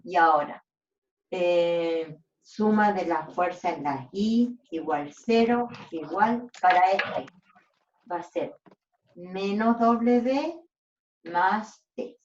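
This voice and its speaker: Slow, self-correcting woman teacher, roomy sound. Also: lowish voice, a little mellow, far from the mic, a little hiss or hum. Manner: thinks aloud, checks and corrects herself. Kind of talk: working a physics problem aloud. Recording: dull roomy sound from off-mic.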